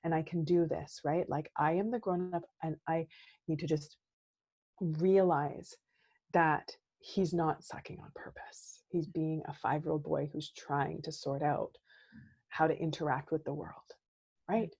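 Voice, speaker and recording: A woman in her thirties, a therapist and coach, appears as a guest on a casual podcast, speaking earnestly and reflectively and often checking in with "right?". Her voice sits low, steady, mellow and slightly rough, at a moderate pace.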